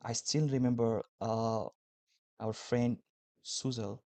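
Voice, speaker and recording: A man's voice: mid-range voice, fairly even intonation, slow pace, warm tone, dry recording. A man from Nepal, hosting a casual interview podcast in a friendly, complimentary way. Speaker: podcast host.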